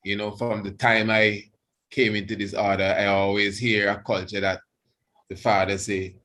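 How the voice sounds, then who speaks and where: A man giving a reverent religious address as a priest, in Rastafarian speech, halting and deliberate, repeating phrases for emphasis. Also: fairly low pitch, level tone, sharp tone.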